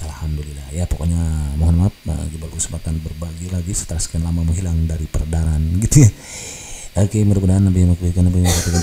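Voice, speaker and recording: Low, dark-voiced man reading comments. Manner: chatty, laughs often, mixes in English phrases. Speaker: channel host reading viewer comments. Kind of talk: casual chat reading comments. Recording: faint background noise.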